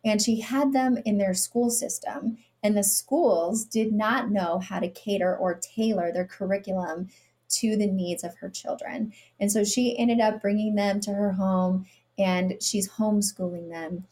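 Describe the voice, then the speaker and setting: A woman's voice: mid-range voice, steady tone, a little slow, warm tone. A middle-aged woman, a guest on a podcast interview, talking earnestly in a storytelling way and sometimes acting out what people said with a sarcastic edge. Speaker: guest, nonprofit CEO.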